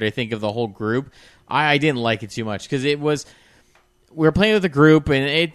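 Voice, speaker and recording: A man co-hosting a gaming podcast, chatting casually in a relaxed, rambling way that trails off at times. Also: mid-range voice, smooth, no room sound. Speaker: podcast co-host. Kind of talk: casual chat.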